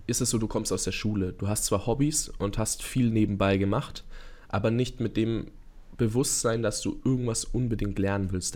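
A young man around twenty speaks as a guest in a podcast interview, earnest and eager, running his thoughts together with plenty of fillers. His voice sits fairly low. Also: darkish tone. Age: young adult. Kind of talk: casual interview talk.

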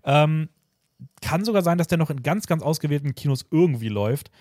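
A man's voice: fairly high pitch, lively intonation, fairly quick, darkish tone, no echo, clean studio sound. A man from Austria, hosting a podcast in casual chat, rambling with many fillers and restarts. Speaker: podcast host.

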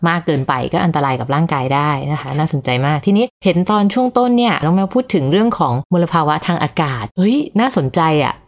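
A woman hosting a podcast, lively and exclamatory as she interviews a doctor. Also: fairly low pitch, quick pace, few pauses. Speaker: podcast host.

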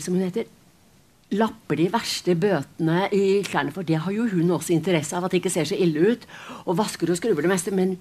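A woman retelling a story in a casual, animated and dramatic way, with frequent restarts. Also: fairly low pitch, slightly rough. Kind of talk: casual spoken retelling of a novel.

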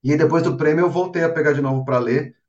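Animated Brazilian man telling stories, slightly distant. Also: on the high side, quick pace, dull audio. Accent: Brazilian Portuguese. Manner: animated storyteller, filler-heavy, says "cara" and "assim" often. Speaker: interviewed novelist. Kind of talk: casual interview conversation.

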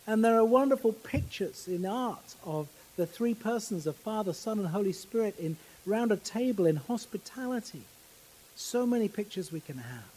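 A man preaching a sermon in a measured, earnest way, pausing to stress his words. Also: sits high, expressive, a little mellow, breathy edge, big-room sound, low-quality recording. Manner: measured, earnest, with slow emphatic pauses.

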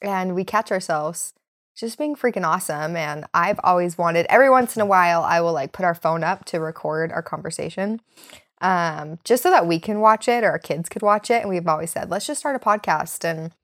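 A woman's voice: on the low side, a little fast, a bit bright. A young woman co-hosting a podcast in casual chat, with an informal, giggly manner. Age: young adult. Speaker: podcast co-host. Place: home basement.

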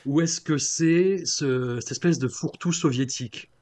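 A man with a French accent hosting a podcast, relaxed and playful, often repeating words as he talks. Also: on the high side, a little slow, no room sound. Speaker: podcast host. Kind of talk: casual podcast chat.

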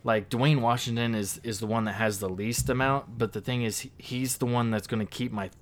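A man's voice: medium pitch, fairly even intonation, a little fast. A man hosting a casual sports podcast, thinking aloud with frequent stammered restarts. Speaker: podcast host.

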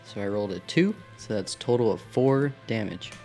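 A man's voice: lowish voice, animated, moderate pace, darkish tone, faint music behind. A man chatting casually as a player in a tabletop role-playing game.

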